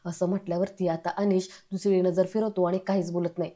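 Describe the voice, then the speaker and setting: A woman narrating a recap of a television serial episode in a steady, plain reading. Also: fairly low pitch, fairly quick. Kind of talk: scripted narration.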